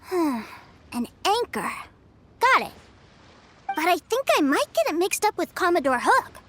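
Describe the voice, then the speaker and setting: A woman's voice: very high voice, very animated, measured pace, a little hiss or hum, full character voice. A woman voicing a curious, innocent young boy in a video game. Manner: wide-eyed, innocent. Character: curious little boy, eager and wandering. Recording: game audio with music behind. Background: game music.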